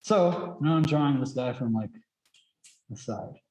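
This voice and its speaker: A man's voice: mid-range voice, expressive, measured pace, darkish tone. A man speaking through a face mask, casually thinking aloud as he teaches drawing in a rambling, chatty way. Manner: rambling, chatty, frequent "like" filler. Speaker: drawing instructor. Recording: echoey, roomy sound.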